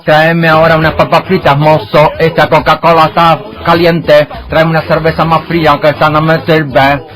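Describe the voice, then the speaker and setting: A man voicing a bossy male restaurant customer, barking orders at a waiter in a loud, mocking drawl. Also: fairly high pitch, flat delivery, moderate pace, voice pushed up, lightly acted. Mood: demanding.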